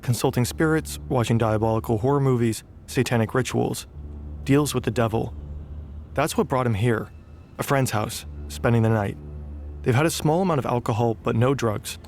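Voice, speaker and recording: A man's voice: mid-range voice, a little mellow, soft background music. Man narrating a dramatic documentary. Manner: dramatic, measured delivery.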